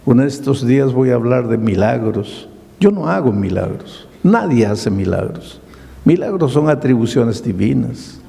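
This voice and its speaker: A man's voice: mid-range voice, animated, moderate pace, vocal fry, dark tone. An older man with a Peruvian Spanish accent, a pastor preaching a sermon and dramatically telling a story with acted-out dialogue. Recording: long hall reverb.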